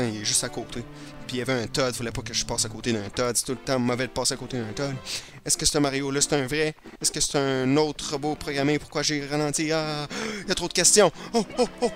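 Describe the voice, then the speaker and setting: A man with a Québécois accent commenting on a video game in a let's play, hyper and rambling nonstop, his throat a little irritated. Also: medium pitch. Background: video game music.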